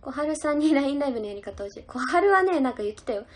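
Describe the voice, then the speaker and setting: A woman's voice: sits high, animated, fast talker. A young woman idol chatting casually on a livestream, giggling as she reads out and answers viewer comments. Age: young adult.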